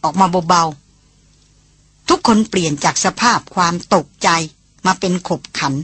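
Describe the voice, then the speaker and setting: Breathy woman narrating a novel. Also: on the low side, slow pace, a bit bright. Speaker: audiobook narrator.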